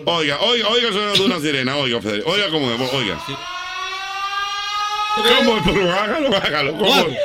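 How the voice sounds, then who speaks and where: A man's voice: sits high, very animated, fast talker, noisy background. A man hosting a radio show, teasing and insistently questioning his guest in playful banter. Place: radio studio.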